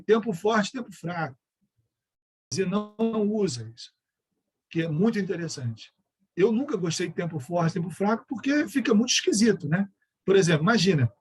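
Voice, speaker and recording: A man with a fairly high, husky voice gives a music education lecture over a video call. He explains patiently and breaks into sung syllables and numbers to demonstrate. He is from Brazil. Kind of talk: online lecture with sung examples.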